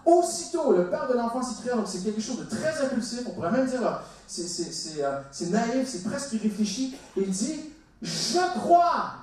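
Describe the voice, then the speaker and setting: A man preaching a sermon to a congregation, talking to them directly and acting out the words he quotes. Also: normal speed. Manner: animated, dramatizes quotes with big pitch swings. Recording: echoey hall, mic from a distance.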